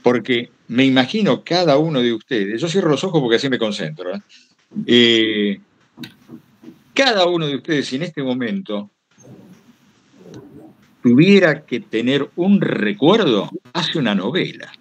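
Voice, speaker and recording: Speaking a little slowly with frequent pauses, this man has a husky, mid-range, animated voice and a Rioplatense Argentine accent. He is a guest storyteller giving a talk, relating anecdotes casually and digressively while acting out what others said.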